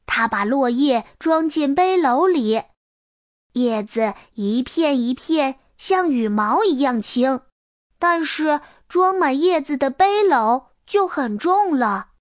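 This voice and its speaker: Woman narrator for a children's storybook, high, unhurried, gentle. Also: animated, dry recording, studio quality. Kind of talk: storybook read-aloud narration.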